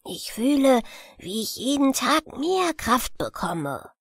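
A woman voicing a proud, eager male sunbeam in a storybook, speaking softly with some whispered words. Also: high voice, sing-song, slow pace, breathy edge, no echo, clean studio sound, heavily acted. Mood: proud gentle.

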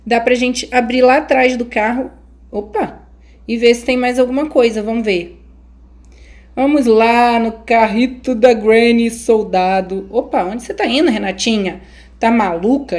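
A woman's voice: fairly high pitch, darkish tone. A Brazilian woman hosting a gaming channel, giving chatty let's-play commentary straight to her viewers with frightened exclamations.

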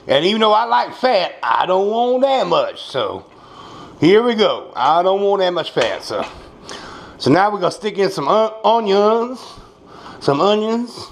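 Frying, stirring, and the clatter of pans, utensils, and dishes come through clearly as an American man presents a recipe at his small kitchen stove. His voice sits high, and his delivery is casual, off-the-cuff, folksy, and salty-tongued, with frequent repetition.

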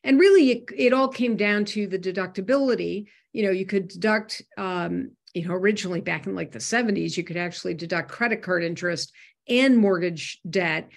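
A woman's voice: mid-range voice, fairly quick, gravelly. Chatty woman with many fillers. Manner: conversational with frequent fillers and restarts. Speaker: host. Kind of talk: webinar talk on personal finance.

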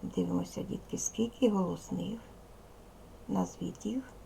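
A woman teacher leading a lesson for young children, speaking slowly and repeating key words. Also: mid-range voice, creaky, dark tone, slight background noise. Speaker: primary school teacher. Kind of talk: teaching a second-grade language lesson.

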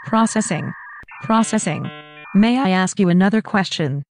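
Stiff robot barista played by a woman, flat formal delivery, robot voice, faint music behind. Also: mid-range voice, normal speed. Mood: deadpan. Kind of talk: comedy sketch.

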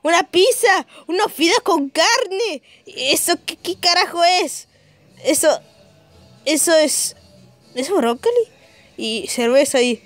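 A young woman hosting a meme reaction video, excitable and breaking into shouted, swearing rants. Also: high voice.

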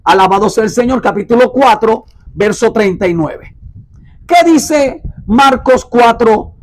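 High-voiced emphatic man preaching a sermon. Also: lively intonation, rough recording. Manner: emphatic, repeats phrases, slows down to stress words; urges listeners to mark their Bibles. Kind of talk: sermon with Bible reading.

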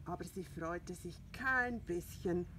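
A woman, a kindergarten teacher, reading a children's storybook aloud in a slow, expressive storytelling manner. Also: lowish voice, noisy background. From Switzerland.

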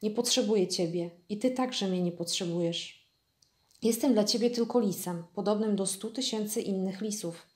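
A woman voicing a gentle, lonely male fox from a storybook, read slowly and softly. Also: mid-range voice, lightly acted. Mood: wistful. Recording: echoey room.

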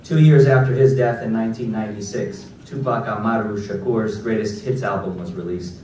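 A man in his forties from Los Angeles giving a graduation keynote speech at a podium, with a measured, deliberate delivery from a prepared text. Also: lowish voice, steady tone, mellow, a little hiss or hum. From Los Angeles, United States. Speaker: keynote speaker. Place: large auditorium stage at a podium. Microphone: podium mic, recorded by a far audience camera. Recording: echoey hall recorded from far back.

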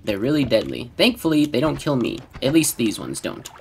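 A man giving casual gameplay commentary in a deadpan tone that can sound sarcastic, with keyboard clicks behind him. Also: mid-range voice, a little fast, a little hiss or hum. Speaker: gaming channel host.

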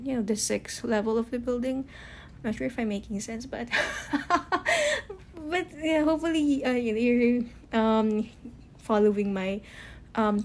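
A woman doing a casual tarot card reading to camera, talking haltingly with many fillers and restarted sentences. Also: a little high, warm tone, slight background noise. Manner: halting, heavy use of "you know" and "um" fillers; admits to stuttering, restarts sentences. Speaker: tarot reader.

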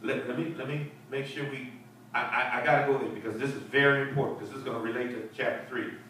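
In an echoey church fellowship hall recorded from far away with faint hiss, a middle-aged pastor teaches a seated Bible study group. He preaches emphatically, repeats words, and calls for responses in a steady, sharp, mid-range voice at a quick pace. His handheld mic is heard through a distant camera.

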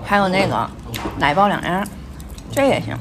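A woman food vlogger with a Tianjin accent talks casually as she eats. Her pitch moves about in a lively way. She is recorded in a noisy small restaurant with clatter around her. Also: moderate pace. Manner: chatty, commenting on each bite. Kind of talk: casual chat over a meal. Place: small busy restaurant, indoors.

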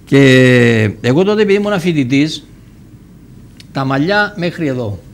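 A man's voice: mid-range voice, expressive, creaky. An older man from Cyprus, a guest telling a personal story in a TV interview and acting out the dialogue as he goes. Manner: vivid storyteller who acts out quoted dialogue, with frequent restarts.

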